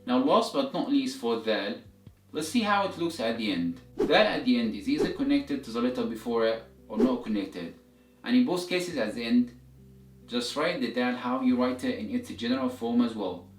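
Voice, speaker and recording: Medium-pitched with lively intonation and a normal speed, a male teacher walks learners through a language lesson methodically, repeating examples. It sounds roomy and echoey, with a distant mic and music in the background.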